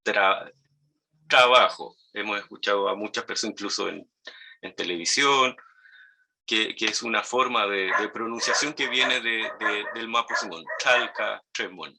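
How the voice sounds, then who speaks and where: A man with a Chilean Spanish accent teaching a language lesson, patiently repeating and modeling each word slowly. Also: on the low side, vocal fry, heavy background noise. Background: dogs barking nearby.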